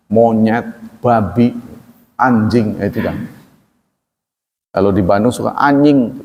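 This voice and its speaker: Indonesian ustaz lecturing in an echoing hall. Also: male voice, lowish voice, darkish tone. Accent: Indonesian, from Banten region. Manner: conversational, explains Arabic terms, asks audience questions. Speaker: Islamic teacher. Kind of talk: religious study lecture.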